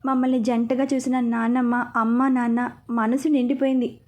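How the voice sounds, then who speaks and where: A woman storyteller narrates a first-person romance, chatting with the listener and often addressing them directly. Her voice is high and mellow, with a level tone and a moderate pace.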